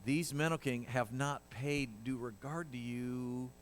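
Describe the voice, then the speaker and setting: Whiny mumbling tattletale courtiers, quiet and stammering, as a preacher puts them on. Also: male voice, mid-range voice, takes it slowly, slight background noise, natural voice. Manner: mumbling, hesitant, muttered half-whisper. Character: whiny scheming male court accusers.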